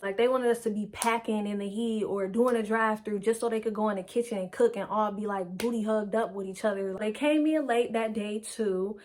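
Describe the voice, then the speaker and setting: A young woman casually telling a personal story, slangy and animated, acting out what people said. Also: mid-range voice, slight background noise. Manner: animated, slangy, acts out quotes.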